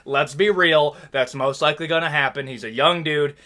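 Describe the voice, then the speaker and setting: A young man giving a casual, joking fight recap, animated and frequently tagging lines with "okay?" and "bro.". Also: fairly high pitch, moderate pace. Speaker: MMA commentary YouTuber.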